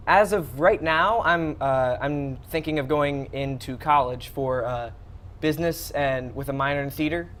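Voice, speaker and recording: A man's voice: fairly high pitch, measured pace, few pauses, a bit bright, a little hiss or hum. A young man in his late teens answering interview questions, hesitant and full of fillers. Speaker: interview guest. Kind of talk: casual interview.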